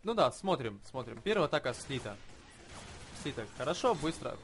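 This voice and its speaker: A man's voice: mid-range voice, very animated, normal speed, fairly bright tone, slight background noise. A man giving casual live commentary on a video game match as one of its casters.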